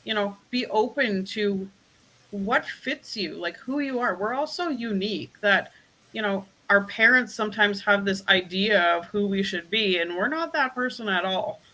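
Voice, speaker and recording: A woman's voice: medium pitch, normal speed, pushed and bright, low-quality recording. A woman chatting casually, reflecting thoughtfully on raising children. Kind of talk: casual chat.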